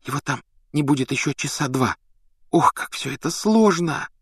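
A man voicing an anxious, urgent schoolgirl, with his pitch raised, in a storybook reading. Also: lively intonation, moderate pace, a bit bright, slightly rough, no echo.

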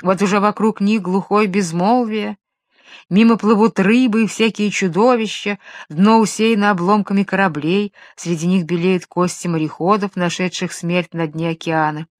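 A woman narrating a fairy tale in a calm, measured storytelling voice. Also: medium pitch, no room sound, studio quality.

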